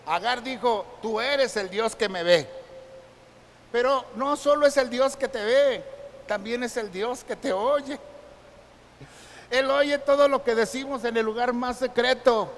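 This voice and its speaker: A man's voice: very high voice, a bit bright. A man preaching a sermon as pastor, asking the congregation rhetorical questions and acting out the voices of frightened people. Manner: acts out frightened crowd voices. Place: church sanctuary. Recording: long reverb in a large church hall with faint hiss.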